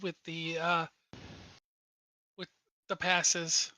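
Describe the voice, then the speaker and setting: A man's voice: fairly high pitch, completely flat delivery, very slow, bright, forceful tone, no echo. A man running a tabletop game as game master, teasing and a little hesitant.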